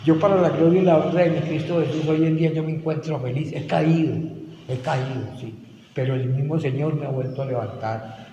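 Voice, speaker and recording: Middle-aged man, earnest testimony, slightly high voice, reverberant hall, faint noise. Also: steady tone, a little fast, mellow, dull audio. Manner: earnest, emotional storytelling with quoted dialogue. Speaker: testimony speaker at a rehab ministry. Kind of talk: personal testimony.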